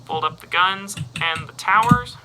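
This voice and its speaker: A man explains a toy's transformation step by step in a relaxed, unhurried way. His voice sits a little high for a man, and he pauses and mutters to himself as he works. A steady hiss runs under the recording. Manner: talks through steps while handling a toy, pausing and muttering. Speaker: toy reviewer. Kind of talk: casual toy review walkthrough.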